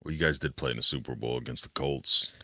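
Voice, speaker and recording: A man's voice: very deep voice, steady tone, fast talker, sharp tone, no room sound. A man co-hosting a casual sports chat and teasing his co-host dryly. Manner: dry, teasing. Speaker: podcast co-host. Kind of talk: casual watch-along chat.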